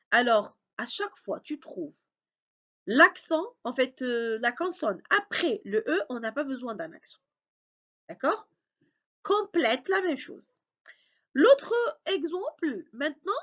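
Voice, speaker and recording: A woman teaches a spelling lesson in a high voice that rises and falls a great deal. She talks slowly and patiently and checks often that her students follow. The audio sounds a little dull and lo-fi. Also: fairly bright tone. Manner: slow, patient, explains step by step with frequent "alors" and "d'accord". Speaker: French teacher.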